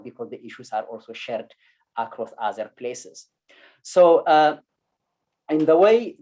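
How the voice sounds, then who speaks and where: A man in his forties from Ethiopia speaks on a video call in a measured, reflective way. He pauses often and fills the gaps with hesitant sounds as he builds each point. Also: mid-range voice, dark tone. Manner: measured, many pauses and fillers. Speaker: academic panel speaker. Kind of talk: reflective panel talk. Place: indoor room.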